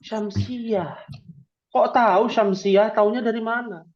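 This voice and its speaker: A man's voice: sits high, fairly even intonation, takes it slowly, darkish tone, dull audio. A man teaching a Quran reading class, speaking with a light tinge and quizzing his students with playful questions. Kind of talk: interactive religious class.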